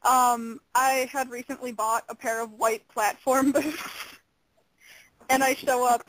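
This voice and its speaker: A woman's voice: high voice, fairly even intonation, unhurried, a bit bright, dry recording, low-quality recording. A woman calling in to a radio show as a fan, giggly and bubbly. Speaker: caller, fan. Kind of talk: call-in chat.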